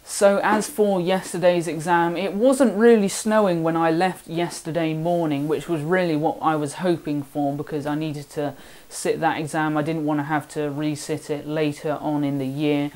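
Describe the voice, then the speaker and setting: Chatty seventeen-year-old southern English lad. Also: male voice, on the high side, flat delivery, normal speed, few pauses, a little mellow. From south of England. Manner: chatty, rambling, self-deprecating. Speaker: woodworking vlogger. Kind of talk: casual vlog voice-over. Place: home workshop.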